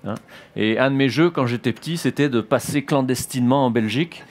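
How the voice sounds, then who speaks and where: A man in his fifties from northern France, speaking with a French accent in a mid-range voice, gives his testimony in church as a military chaplain. He sounds hesitant, pausing often, restarting sentences, and filling gaps with many "euh" sounds.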